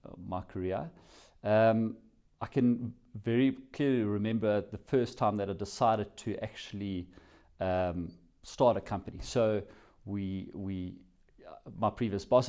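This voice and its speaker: A man's voice: lowish voice, dark tone. A South African man answering interview questions, telling his story in a reflective, rambling way. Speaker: company CEO, guest.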